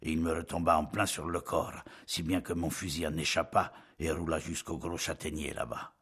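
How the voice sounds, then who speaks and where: A man doing a slow monotone Corsican villager. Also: very deep voice, breathy edge, heavily acted. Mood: flat, matter-of-fact. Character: tall stooped sickly Corsican man, placid and resigned.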